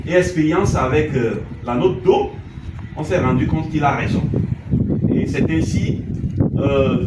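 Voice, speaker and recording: A man teaching a music lesson, asking questions and answering them himself, and singing note names. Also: fairly high pitch. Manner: sings note names in scales. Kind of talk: classroom lesson. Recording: echoey room, mic far off, loud noise.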